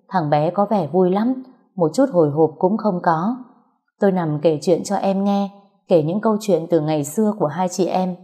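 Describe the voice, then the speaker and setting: A woman narrating a first-person story in a soft, steady, scripted way. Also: lowish voice, breathy edge.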